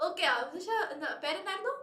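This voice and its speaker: A woman's voice: extremely high pitch, lively intonation, fast, sharp tone, recorded from a distance. A woman teacher, running a live online class and coaxing students with repeated prompts. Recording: echoey room.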